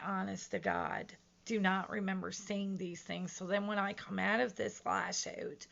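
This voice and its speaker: A woman's voice: mid-range voice, gravelly, muffled recording. A woman in her thirties talking earnestly and casually about her own experience, with many fillers and restarts. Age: 30s. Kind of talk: casual personal talk to camera.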